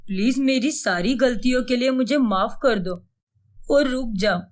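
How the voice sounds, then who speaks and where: A woman's voice: fairly high pitch, a little slow, voice pushed down, natural voice. A woman voicing a jealous young husband in a cartoon story, first accusing his wife and then begging her to forgive him. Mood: pleading. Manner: pleading, repeated apologies.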